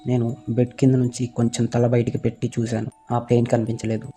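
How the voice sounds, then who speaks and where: A man narrating a first-person horror story in a steady, monotone voice. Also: mid-range voice, a little fast, breathy edge, soft background music.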